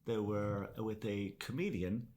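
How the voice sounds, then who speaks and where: A man's voice: lowish voice, steady tone, measured pace, a little mellow, slight background noise. Chatty man co-hosting a podcast. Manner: chatty, jokey, rambling asides. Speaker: podcast co-host. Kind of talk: casual business podcast chat.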